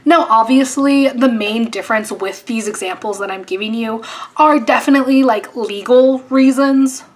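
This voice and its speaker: Young woman vlogging, kinda hoarse, higher voice, rambly casual chat with lots of "like". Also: moderate pace. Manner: chatty, filler-heavy, animated asides. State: losing her voice. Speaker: YouTuber.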